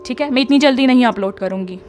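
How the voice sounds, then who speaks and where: A woman's voice: fairly high pitch, fast talker, a little mellow, soft background music. A young woman, giving chatty spiritual guidance as a tarot reader and often checking in with her listeners. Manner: chatty, mixes English into talk, frequent tag questions.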